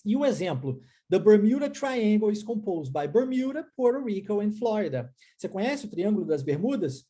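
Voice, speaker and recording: Husky Brazilian woman teaching English. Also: medium pitch, very animated, normal speed, hardly any pauses, mellow. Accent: Brazilian Portuguese. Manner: explanatory, checks in often with short tag questions. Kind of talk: online language lesson.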